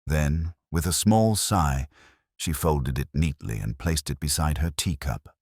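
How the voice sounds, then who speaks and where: Very deep-voiced man narrating a mystery. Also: animated, measured pace, darkish tone, slightly rough, no room sound, studio quality. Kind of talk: scripted audiobook narration.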